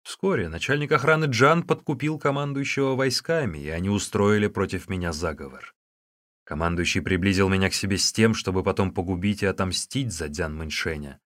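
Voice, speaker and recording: A man voicing a weary, tough outlaw hero in an audiobook, speaking low and grim. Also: a little fast, fairly bright tone, dry recording, studio quality. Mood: recounting.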